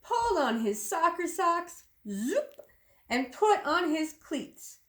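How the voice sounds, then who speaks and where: A teacher reads a picture book aloud to children, her very high voice swinging lively in pitch at an unhurried pace. She reads expressively, giving the sound words extra emphasis in an animated storybook performance.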